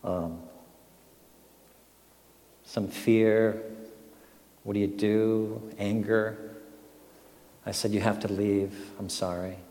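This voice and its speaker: An older man gives a sermon in a reflective, storytelling way and keeps turning to questions. His voice sits low and mellow, and it echoes through a large hall. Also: little pitch movement, very slow, pauses often. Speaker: pastor.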